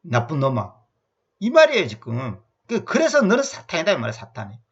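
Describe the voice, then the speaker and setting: A man giving an expository Bible lecture in an emphatic way, repeating words and acting out quotes with sudden jumps in pitch. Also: huge pitch swings, brisk, creaky, slightly rough, highs cut off. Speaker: Bible teacher.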